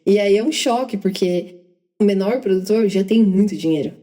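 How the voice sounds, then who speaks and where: A young Brazilian woman co-hosting a podcast, telling work stories in a lively, self-deprecating way with quick asides. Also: mid-range voice. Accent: Brazilian Portuguese. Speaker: podcast co-host. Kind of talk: casual storytelling chat.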